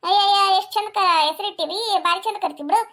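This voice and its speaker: A woman voices a fiery, protective village mother in a cartoon, angrily scolding and threatening in North Karnataka Kannada. Her voice is very high and fairly bright, and she speaks a little fast.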